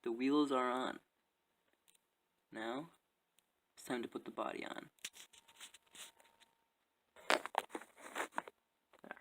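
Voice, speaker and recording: A man narrating his hobby model build to a phone camera, excitable, laughing often and apologizing as he works. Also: medium pitch, extremely slow, long pauses, slight background noise, rough recording. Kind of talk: casual hands-on vlog narration. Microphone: phone camera on a stand.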